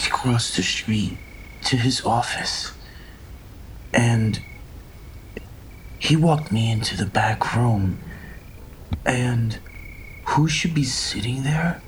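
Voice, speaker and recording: A man in whispered role-play storytelling, recounting events in a slow, whispered first-person voice. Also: medium pitch, very animated, a little hiss or hum.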